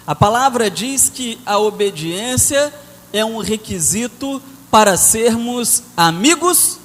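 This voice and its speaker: A man preaching a sermon, telling a story in an animated way that swings between loud and soft. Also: high voice, slow pace. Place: church hall. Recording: church hall reverb with faint noise.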